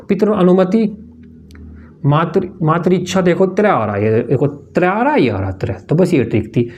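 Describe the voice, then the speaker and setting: A male teacher explaining Hindi grammar for an exam-prep class, repeating each point and calling the students "brother". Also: a little high. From India.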